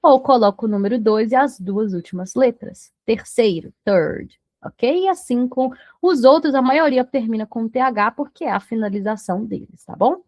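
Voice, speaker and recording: A woman's voice: on the high side, moderate pace, dry recording, dull audio. A Brazilian woman teaching English to beginners, patiently explaining pronunciation and checking in with the learner after every point. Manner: patient, repeats checks like "tá bom?".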